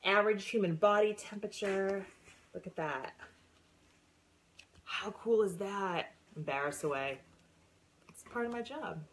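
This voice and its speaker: A woman's voice: mid-range voice, a little slow, pauses often, a little hiss or hum, rough recording. A middle-aged woman gushing over new books in a casual unboxing vlog, squealing and gasping with delight. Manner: gushing, excitable, squeals and gasps. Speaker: book seller and former science teacher.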